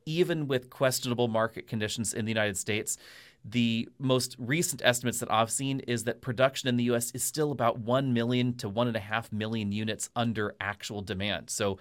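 A man's voice: mid-range voice, moderate pace, a bit bright. A man speaking as a podcast commentator, giving conversational analysis in an explanatory, long-winded way. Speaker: automotive industry commentator on a podcast.

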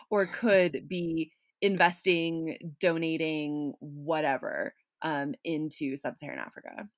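Low-voiced woman hosting a casual podcast. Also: animated, takes it slowly, no room sound, studio quality. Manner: rambling, many fillers and restarts. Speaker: podcast host.

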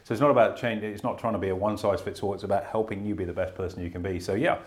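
Low-voiced man hosting a talk show. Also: fairly even intonation, racing. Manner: earnest, self-correcting, stammers on restarts. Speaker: host. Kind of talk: casual podcast chat about investing.

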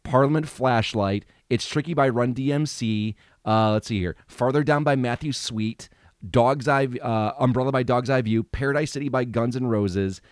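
A man's voice: medium pitch, normal speed, no echo, clean studio sound. A man in his thirties co-hosting a casual podcast, rambling and swearing, with lots of fillers and restarts. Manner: rambling, profane, full of fillers. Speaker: podcast co-host. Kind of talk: casual chat.

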